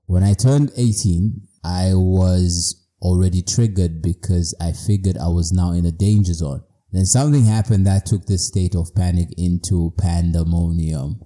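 A man's voice: sits low, mellow. A man from Zimbabwe, hosting a podcast in a reflective personal monologue, playful and self-mocking. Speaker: podcast host.

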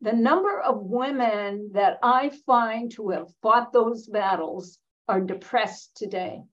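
Older American woman, 70s+, interview guest. Unhurried, emphatic, slightly high voice, muffled lo-fi sound. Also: fairly bright tone. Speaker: interview guest, veteran feminist activist. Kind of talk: reflective interview conversation.

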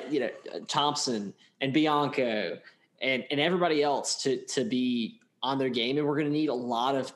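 A man co-hosting a casual sports chat, rambling with many restarts and plenty of fan enthusiasm. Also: medium pitch. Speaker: podcast co-host.

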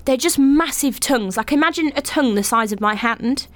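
A woman's voice: sits high, brisk, no echo. A woman, chatting on a podcast and telling a story with lots of energy and laughter. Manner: animated storyteller, laughs often. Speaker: podcast co-host. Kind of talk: casual chat.

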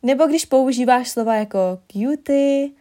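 A young woman performing a spoken-word monologue addressed to herself, expressive and shifting between hushed and emphatic delivery. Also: high voice.

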